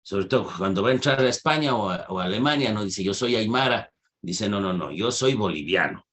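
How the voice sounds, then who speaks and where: A man's voice: on the low side, expressive, a little fast, a bit bright. A man teaching a university class over a video call, questioning students and challenging their answers. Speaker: university lecturer. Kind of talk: online class lecture with questions.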